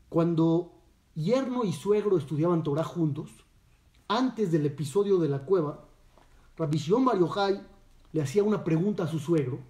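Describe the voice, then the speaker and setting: High-voiced rabbi telling a story. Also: male voice, dark tone. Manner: storytelling, asks listeners questions. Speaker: rabbi teaching a class. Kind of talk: Torah lesson. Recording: echoey room, distant mic.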